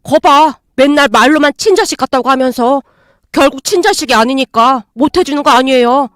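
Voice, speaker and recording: A woman doing a loud, greedy grown son. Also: high voice, normal speed, no echo, natural voice. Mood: demanding. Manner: loud, demanding, snapping.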